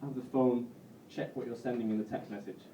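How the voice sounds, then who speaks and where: A man in his twenties from Bolton with a Northern English accent, doing a live stand-up set in a self-deprecating, halting way with frequent swearing. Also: mid-range voice, steady tone, warm tone, slight background noise. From Bolton, England. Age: 20s. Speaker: stand-up comedian. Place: comedy club stage. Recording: roomy, distant, muffled live recording.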